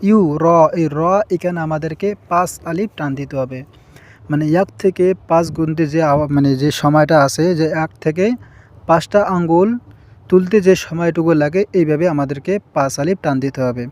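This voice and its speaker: A man teaching the pronunciation of a short scripture passage, who explains each point calmly and then chants the words slowly, holding out their long vowels. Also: on the high side, no room sound. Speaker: Quran recitation teacher. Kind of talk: slow pronunciation lesson with chanted examples.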